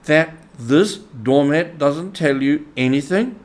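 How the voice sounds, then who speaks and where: A man voicing an excitable, impatient storybook rat, pitched up. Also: slow pace. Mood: angry, urgent. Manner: emphatic, exclaiming. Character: excitable, impatient male rat, bossy and exasperated. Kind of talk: animal character in storybook reading.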